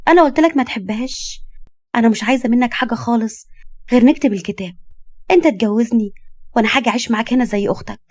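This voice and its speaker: A woman voicing a bold, teasing young woman in her twenties, with an Egyptian accent and quick comebacks. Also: fairly high pitch, no echo, close to an everyday voice. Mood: cheeky.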